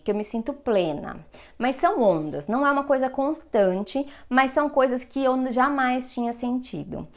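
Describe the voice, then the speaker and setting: A woman's voice: on the high side, a little mellow. A woman giving an earnest personal testimonial, often adding "né" and "meu". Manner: earnest, uses fillers like "né" and "meu". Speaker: testimonial speaker.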